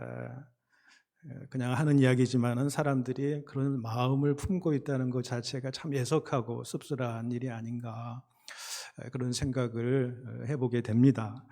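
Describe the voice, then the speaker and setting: Man preaching a measured sermon. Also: mid-range voice, creaky, warm tone. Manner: measured preaching with many hesitation sounds, rising in emphasis. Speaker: pastor. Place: church sanctuary.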